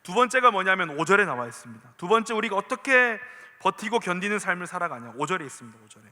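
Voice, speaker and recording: A male pastor with a Gyeongsang accent preaching a sermon, animated and full of questions to the listeners. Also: high-pitched, fast talker. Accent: Gyeongsang dialect. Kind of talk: sermon to a youth congregation. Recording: echoey church hall reverb.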